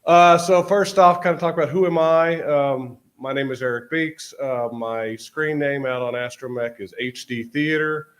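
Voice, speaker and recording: A man from Texas, USA gives a casual conference presentation from a convention hall stage, his voice a little high with a steady tone. He talks at a moderate pace with hardly any pauses, chatty and full of fillers and restarts.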